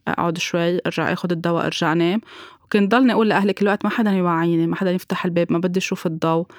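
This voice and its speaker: A woman's voice: on the low side, no room sound, studio quality. A woman with a Lebanese accent giving a candid, reflective personal testimony, sometimes mixing in English words.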